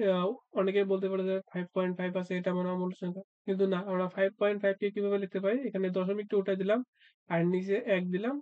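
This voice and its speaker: A man's voice: sits high, darkish tone, dry recording, muffled recording. A man teaching an exam-prep math lesson, asking himself questions and answering them, with frequent "uh" fillers. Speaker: math tutor.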